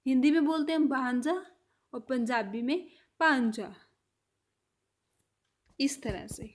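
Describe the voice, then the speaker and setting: A woman giving a vocabulary lesson, repeating each word slowly for practice. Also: high voice. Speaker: language teacher. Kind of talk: slow, repetitive vocabulary lesson.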